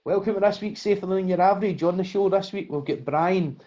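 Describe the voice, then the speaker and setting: A man's voice: sits high, fairly quick, mellow, highs cut off. A man hosting an interview podcast, introducing his guest and asking short questions. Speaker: podcast host.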